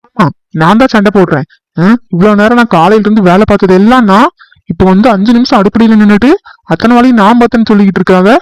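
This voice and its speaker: A man voicing a sharp-tongued, quarrelsome young wife in a comedy skit, complaining indignantly in rapid accusations. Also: high voice, no echo, lightly acted, poor audio.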